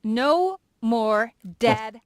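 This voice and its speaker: Sharp-tongued, exasperated woman, higher register, sarcastic cartoon game character. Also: lively intonation, extremely slow. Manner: sarcastic, biting. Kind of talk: cartoon adventure game voice acting.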